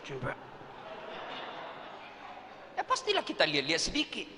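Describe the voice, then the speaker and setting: A man's voice: on the high side, huge pitch swings, moderate pace. A male preacher giving a comic sermon, joking and speaking directly to officials in the audience. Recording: echoey hall, faint noise.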